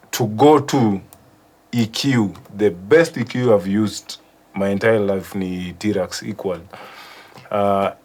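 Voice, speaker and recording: With a lowish, somewhat dark voice, a Kenyan man acting as a music producer gives a relaxed tour of his studio. He switches back and forth between English and Swahili.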